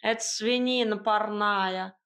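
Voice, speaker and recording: A woman voicing a grumpy, bossy male talking cat in an audiobook, with a gruff, scolding drawl. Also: mid-range voice, fairly even intonation, slow pace, a bit bright. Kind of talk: audiobook character voice.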